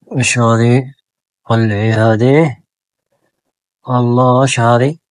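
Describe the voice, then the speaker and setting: Very low-voiced woman, playful vlogger. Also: steady tone, slow, dry recording, clean studio sound. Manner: playful and coaxing, repeating admiring exclamations. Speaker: family vlogger filming children. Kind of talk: casual family vlog commentary.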